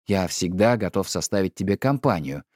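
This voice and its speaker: A man reading an audiobook, voicing a stiff, pedantic middle-aged husband who talks in a slow, measured, reproachful way. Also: low-pitched, expressive, darkish tone, no room sound, studio quality.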